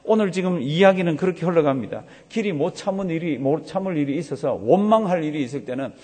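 A man's voice: on the high side, animated, quick pace, darkish tone, slightly rough. A man preaching a sermon as a pastor, telling a story and acting out the voices of the people in it. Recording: long hall reverb.

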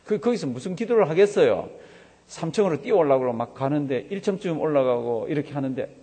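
A man's voice: fairly high pitch, animated, a little fast, dark tone, breathy edge. A man preaching a sermon as a pastor, telling a story and acting out the voices of the people in it. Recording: long hall reverb.

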